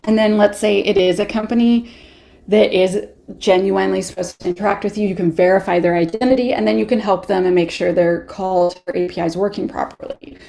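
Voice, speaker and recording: A woman's voice: mid-range voice, steady tone, brisk, gravelly, mellow. A woman with a Canadian accent presenting a live online workshop, chatty, laughing often and answering viewer questions as she goes.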